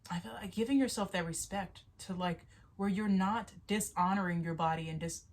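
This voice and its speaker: A young spiritual tarot reader, her nose stuffy, talks solo into a camera at a moderate pace in a fairly low voice. The reading is casual yet earnest, full of rambling, restarts and small laughs.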